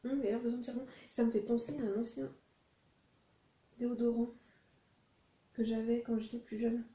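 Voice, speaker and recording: A woman's voice: on the high side, level tone, normal speed, dark tone, roomy sound, low-quality recording. A woman vlogger chatting casually about a shopping haul, rambling and correcting herself as she goes. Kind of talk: casual chat.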